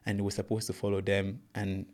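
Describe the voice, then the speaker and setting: A man's voice: fairly low pitch, completely flat delivery, brisk, darkish tone. A young man from Congo, not a native English speaker, telling his life story earnestly as a guest in a casual interview. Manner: earnest, plain storytelling, says "bro" often. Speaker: guest, professional boxer.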